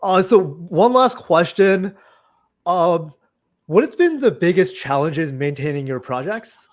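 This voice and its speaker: Hosting a Python meetup livestream over a video call, a man conducts a casual interview in an informal, friendly way, peppered with "uh" and "like". His voice sits high and is expressive, and he takes things slowly.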